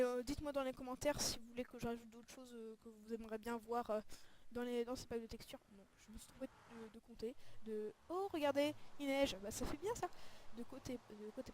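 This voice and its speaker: Woman video creator, casual and hesitant, voice a bit high. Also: darkish tone, slight background noise. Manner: hesitant, often searching for words. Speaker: video creator presenting a game texture pack. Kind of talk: casual screen-recorded commentary.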